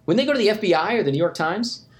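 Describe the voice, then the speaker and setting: A man's voice: high-pitched, lively intonation, very fast. A man voicing a sceptical, accusing male news reporter in a comedy press conference sketch.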